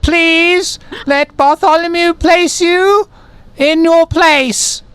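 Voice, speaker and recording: A woman playing a doting, excitable old grandmother vampire hostess in a tabletop game, effusive and fussing, often repeating her words. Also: very high-pitched, extremely slow, dry recording, voice pushed up, full character voice. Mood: loud, confused.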